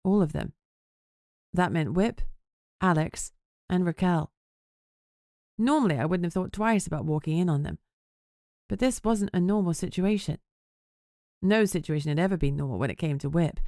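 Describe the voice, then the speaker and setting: A woman narrates as a sardonic young vampire journalist, anxious under her jokes. The voice sits a little low and steady, and the storybook reading is close and dry with no room around it. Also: normal speed, long pauses, no room sound. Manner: sarcastic, self-mocking. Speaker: audiobook narrator. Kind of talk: first-person audiobook narration.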